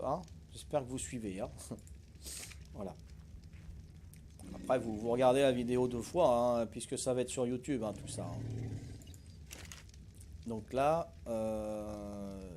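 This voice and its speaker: Older man, gaming streamer, folksy rambling commentary, mid-pitched voice, faint background noise. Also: dark tone. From Corsica. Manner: chatty, folksy, full of hesitations and tag words. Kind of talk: casual live gameplay commentary.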